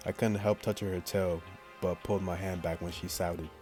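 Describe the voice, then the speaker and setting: A gaming YouTuber plays through a visual novel, reading its text aloud and dropping slangy jokes while game music runs underneath. His voice is low, his tone level, and his pace normal.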